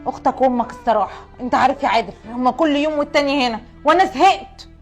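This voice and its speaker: Woman as a stingy egyptian wife, kinda high, talks super fast and argues back, faint music. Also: lightly acted. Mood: arguing. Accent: Egyptian Arabic. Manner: quick, argumentative, whiny. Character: stingy, defensive young wife. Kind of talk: web comedy sketch acting.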